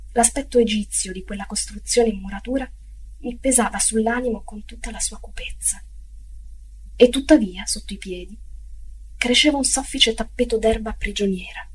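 Soft-spoken woman reading a classic tale. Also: fairly high pitch, slight background noise. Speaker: audiobook narrator. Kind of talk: literary audiobook narration.

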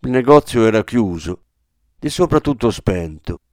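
Expressive male radio reader. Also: lowish voice, moderate pace, dry recording, studio quality. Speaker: narrator. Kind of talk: scripted literary radio reading.

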